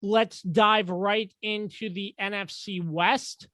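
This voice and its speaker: A man's voice: high-pitched, fairly even intonation, slow pace, bright, forceful tone, dry recording. A man hosting a casual sports podcast, joking sarcastically and tripping over his words. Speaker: podcast host.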